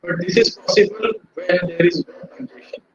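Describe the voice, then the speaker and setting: A man's voice: extremely high pitch, wildly swooping pitch, moderate pace, creaky, muffled recording. A man giving an online lecture, explaining step by step, while his call audio keeps breaking up and glitching. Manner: explains step by step, asks "right?".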